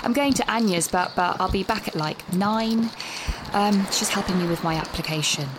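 This young woman's medium-pitched voice, close to how she'd normally talk, runs at normal speed with noise behind it. Playing an anxious British university student in an audio drama, she rambles out of breath into a voice message while walking outdoors. She sounds nervous and keeps cutting herself off.

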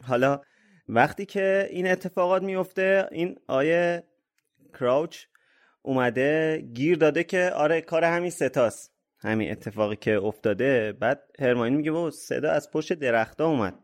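A man co-hosting a podcast, chatting casually about a book chapter. He is easygoing and laughs often. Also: on the high side. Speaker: podcast co-host.

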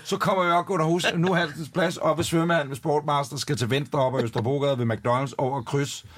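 Lively man telling a story. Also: on the high side. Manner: animated anecdote telling with laughter and acted-out voices. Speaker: podcast guest, father. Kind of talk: casual storytelling.

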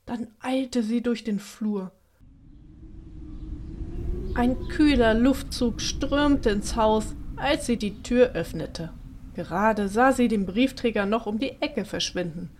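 A woman reading a children's story aloud in a gentle, expressive storytelling manner. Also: on the high side.

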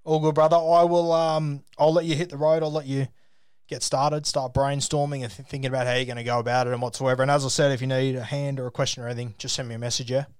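Casual Australian bloke, matey mentor type, loose and sweary, recorded dry. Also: male voice, mid-range voice, level tone, quick pace, a little mellow, clear, resonant tone, no room sound. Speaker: social media sports page creator giving advice. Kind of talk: casual phone chat.

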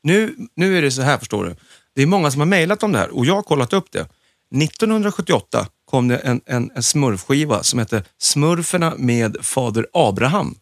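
A man with a Stockholm accent co-hosts a casual chat. His pitch swings freely around a middle register, and the recording is dry and close. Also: sing-song, dry recording. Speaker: podcast co-host.

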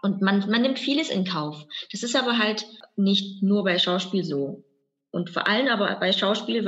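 A woman's voice: mid-range voice, fairly bright tone, muffled recording. A German woman, an actress, reflecting in an interview, thinking aloud in a rambling way with many restarts. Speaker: actress and guest. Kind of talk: conversational interview.

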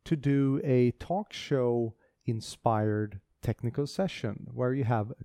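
A man's voice: mid-range voice, takes it slowly, warm tone, no echo, studio quality. A man co-hosting a casual tech podcast, talking with enthusiasm and frequent restarts. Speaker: podcast co-host.

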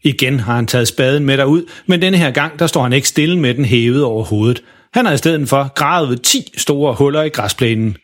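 Husky man telling a children's story. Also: mid-range voice. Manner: lively, expressive narration. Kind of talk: scripted children's story narration.

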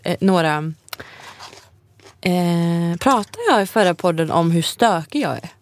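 A young woman co-hosting a podcast in casual chat. She laughs often and trails off into fillers. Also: on the low side. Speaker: podcast co-host.

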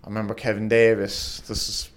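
In a casual interview, a young former footballer tells rambling stories, laughing often and saying "like" constantly. His voice is lowish, monotone, and fairly quick.

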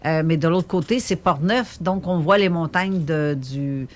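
Woman, Québécois accent, slightly low pitch, chatty teasing co-host. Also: a little slow. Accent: Québécois French. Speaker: podcast co-host. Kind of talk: casual chat.

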